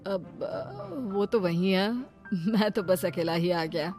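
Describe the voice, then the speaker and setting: A woman voicing an earnest young man in a cartoon, speaking softly and mildly. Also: on the low side, slow pace, soft background music. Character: young man Abhi, earnest son and suitor. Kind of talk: cartoon voice acting.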